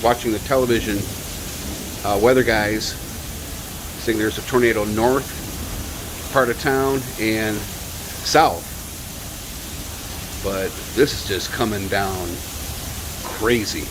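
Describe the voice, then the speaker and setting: A man giving excited, awed live eyewitness commentary on a storm, as an amateur filming it. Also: on the low side, takes it slowly, pauses often. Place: garage doorway during a storm. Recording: raw outdoor video, loud storm noise. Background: loud rain, wind, thunder.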